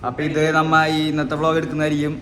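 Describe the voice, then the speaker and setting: A man's voice: a little high, completely flat delivery, rapid-fire, a bit bright, a little hiss or hum. A man from Kerala vlogging at a student service camp, playful and jokey, always calling out to his viewers. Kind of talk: casual vlog chatter to camera. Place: outdoors at a camp among a crowd of students. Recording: outdoor phone audio with crowd chatter.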